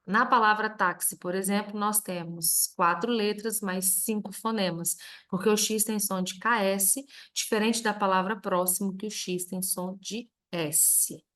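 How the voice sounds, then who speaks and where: A woman teacher with a Brazilian Portuguese accent, reviewing a grammar lesson in a clear, step-by-step way and stressing each example word. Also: medium pitch, steady tone, unhurried, fairly bright tone.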